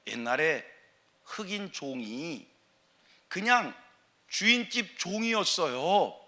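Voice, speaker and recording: Male senior pastor, emphatic sermon delivery, bright and slightly high voice. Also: sing-song. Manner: emphatic preaching, swings from loud exclamations to soft slow quoted phrases. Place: church sanctuary.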